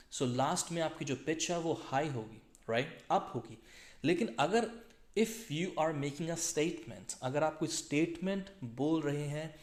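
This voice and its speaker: A man with an Indian English accent teaching an English-test lesson, switching between Hindi and English and stressing example words slowly and deliberately. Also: medium pitch, roomy sound. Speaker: IELTS teacher. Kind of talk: video lesson.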